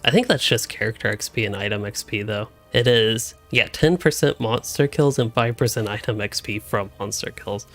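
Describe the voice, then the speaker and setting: A man's voice: fairly low pitch, moderate pace, hardly any pauses, fairly bright tone, soft background music. A young man rambling through casual live-stream commentary while he plays, thinking aloud from a room at home on a desk microphone. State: hiccuping. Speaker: gaming streamer.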